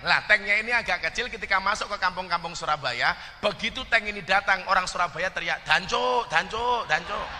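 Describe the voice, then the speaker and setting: Preaching a joking sermon before a crowd, a man with a Javanese accent teases listeners about regional dialects and fires questions at them. His bright, forceful voice sits high and moves quickly with hardly any pauses, echoing with long hall reverb over faint background noise.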